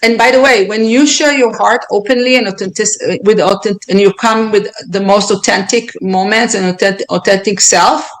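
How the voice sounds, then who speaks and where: A woman with an Israeli accent appears as a podcast guest, earnest and reflective, often restarting and repeating words as she thinks aloud in interview talk. Her mid-range voice has fairly even intonation, moving quickly with hardly any pauses, though the audio is poor.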